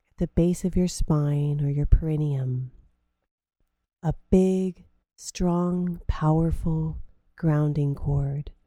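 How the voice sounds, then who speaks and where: A woman guides a meditation in a low, deeply mellow voice, drawing each phrase out slowly and softly. The recording is dry and close, with no room sound around her. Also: no room sound. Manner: slow, soothing, drawn-out phrasing.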